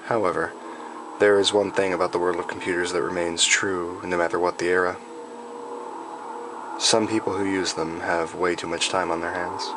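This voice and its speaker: A man reading a scripted horror story in a measured, deliberate and ominous storytelling manner. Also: low voice, level tone, background noise. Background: background music.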